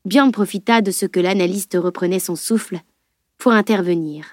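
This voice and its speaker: A woman narrating a novel in a steady, clear reading voice. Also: medium pitch, normal speed, dry recording, clean studio sound. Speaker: audiobook narrator. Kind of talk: audiobook narration.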